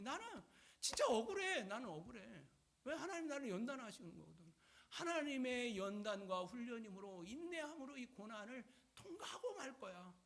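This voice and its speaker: A man's voice: fairly bright tone, heavily acted. A man acting an aggrieved, pleading sufferer. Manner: plaintive, indignant, swinging pitch.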